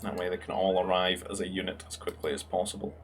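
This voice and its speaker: A man's voice: low-pitched, flat delivery, fast, a little hiss or hum. A young man commentating a strategy game match in a casual, musing way, thinking aloud with fillers. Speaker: game caster.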